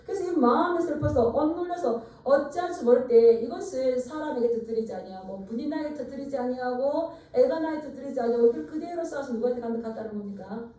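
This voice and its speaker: A woman's voice: sits high, animated, fast, hardly any pauses, mellow. Woman preaching in an echoing church. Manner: earnest preaching with call-and-response repetition. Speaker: pastor. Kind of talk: sermon. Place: church sanctuary. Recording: echoey church from far off.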